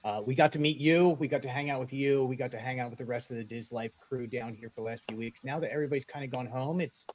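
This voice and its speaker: A man's voice: medium pitch, fairly even intonation, fast talker, few pauses, dull audio. A man chatting casually as a guest, enthusiastic and full of dad jokes. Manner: enthusiastic, jokey dad humor. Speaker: podcast guest and YouTube host. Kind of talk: casual chat.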